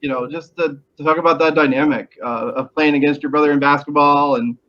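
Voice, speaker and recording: A man's voice: a little high, fairly even intonation, fairly quick, bright, forceful tone, dull audio. A male local sports reporter asking a long, rambling, hesitant question. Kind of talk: casual interview question.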